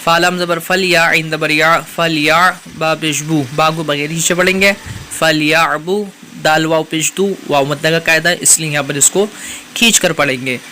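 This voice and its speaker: Bright-voiced man teaching tajweed rules. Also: on the high side, steady tone, a little hiss or hum. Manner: patient, methodical, spells out letters and rules. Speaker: Quran teacher. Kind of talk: step-by-step tajweed lesson.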